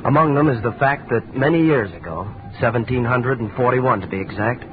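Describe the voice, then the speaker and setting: A man's voice: mid-range voice, fairly quick, music in the background, close to an everyday voice. An actor in 1940s radio drama playing a wounded man who earnestly recounts his family's curse. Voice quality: earnest, storytelling. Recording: tinny old radio broadcast.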